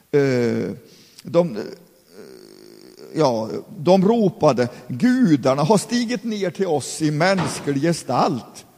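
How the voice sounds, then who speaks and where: Husky man teaching in a reverberant hall. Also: on the high side, warm tone. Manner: halting, many restarts, explains in plain words. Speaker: Bible study leader. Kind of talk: informal Bible reading and explanation.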